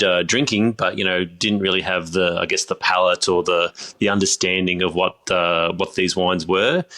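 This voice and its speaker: A low-voiced Australian man with a bright, forceful tone, speaking as a winemaker guest on a podcast. His talk is casual and halting, thick with fillers and restarts. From Griffith, New South Wales, Australia. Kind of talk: casual interview chat.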